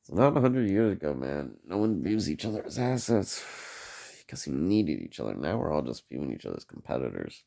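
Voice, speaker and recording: A man's voice: extremely low pitch, sing-song, fairly quick, creaky, mellow. A man giving a rambling, profane solo vlog monologue, trailing off on tangents and tagging "man" onto his sentences. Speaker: vlogger.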